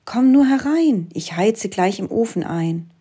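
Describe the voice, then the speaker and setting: A woman's voice: medium pitch, expressive, a little slow, warm tone, husky, voice pushed up. A woman voicing a kind man who lets animals into his house, in a rhyming storybook, friendly and welcoming.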